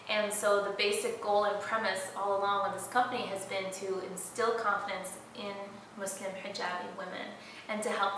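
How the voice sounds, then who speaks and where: A woman's voice: medium pitch, sharp tone, a little hiss or hum. A young woman from Detroit, founder of a hijab fashion brand, answering viewer questions in an earnest, conversational way with plenty of fillers. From Detroit, Michigan, United States. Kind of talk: casual chat, Q&A. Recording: very echoey room, from a distance.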